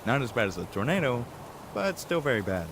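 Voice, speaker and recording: A man's voice: mid-range voice, sing-song, fairly quick. A man voicing a blunt, matter-of-fact young adult brother who takes things literally. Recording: rain and thunder noise behind.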